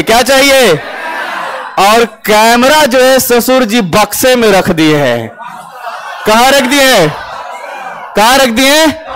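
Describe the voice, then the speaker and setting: A man's voice: extremely high pitch, fairly bright tone, slight background noise, rough recording. A man teaching a classroom lesson with memory tricks, asking his students questions and answering them himself.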